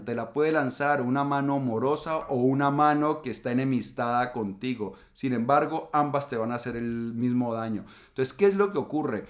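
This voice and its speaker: A middle-aged man calmly explaining ideas in a reflective talk, now and then acting out quoted remarks. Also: medium pitch. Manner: calm explanatory, acts out quoted insults. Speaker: channel host.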